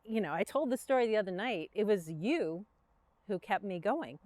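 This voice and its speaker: A woman's voice: mid-range voice, lively intonation, normal speed, a little mellow, dry recording. A woman with a Brooklyn accent, guest on an interview, telling her business story in earnest, chatty talk full of fillers. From Brooklyn, New York. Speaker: guest entrepreneur. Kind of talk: casual interview chat.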